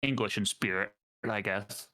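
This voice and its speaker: A man's voice: fairly low pitch, moderate pace, pushed and bright. A man co-hosting a casual comedy podcast, making dry, wry remarks. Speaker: podcast co-host.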